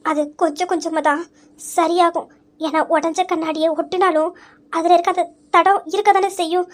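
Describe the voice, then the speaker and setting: A woman voicing a young woman in an audio story who comforts a crying friend, gently but firmly pointing out her mistakes. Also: very high voice, steady tone, normal speed. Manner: gentle but firm, reasoning and reproaching.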